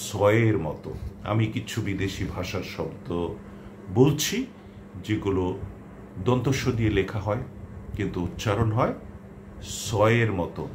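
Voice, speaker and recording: A man's voice: on the low side, background noise. A man teaching pronunciation in a spoken lesson, speaking carefully and saying example words one at a time.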